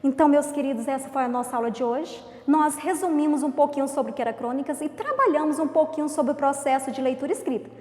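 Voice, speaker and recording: A woman with a Brazilian accent, teaching a remote class to young children in a slow, sing-song way, stretching out syllables. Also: high-pitched, a little mellow, slight background noise. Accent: Brazilian Portuguese. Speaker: primary school teacher. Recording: echoey room with long reverb.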